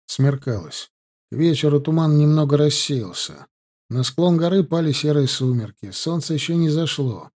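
A man narrates an audiobook in the first person at a measured, steady pace. His voice is dark and mellow, with a husky edge. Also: a little high.

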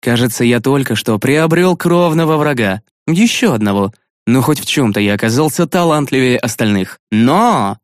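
Male audiobook narrator, dry close reading, mid pitch, sardonic first-person voice with sharp pitch leaps. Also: moderate pace, no echo. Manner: sardonic, expressive reading with sudden pitch jumps.

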